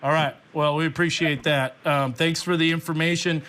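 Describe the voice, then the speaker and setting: A man's voice: fairly high pitch, steady tone, moderate pace, a bit bright, slight background noise. A man presenting live, unscripted severe weather coverage as a TV meteorologist, explaining things and directing the crew as he goes. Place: TV studio.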